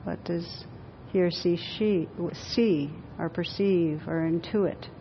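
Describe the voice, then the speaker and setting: Slow, gentle woman guiding meditation, muffled recording. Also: on the low side. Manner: gentle, unhurried, pausing and repeating phrases. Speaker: meditation teacher leading a group. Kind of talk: guided meditation, then informal group discussion. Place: room with a group audience. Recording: dull lo-fi live recording, faint noise.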